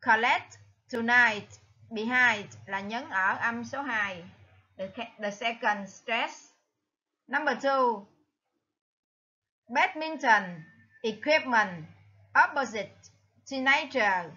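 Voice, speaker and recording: A woman with a Vietnamese accent teaches an exam review, reading each answer word out slowly and carefully. Her voice is bright and somewhat high. The recording sounds muffled and lo-fi. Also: expressive. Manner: slow, deliberate, reads each answer word aloud. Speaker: English teacher.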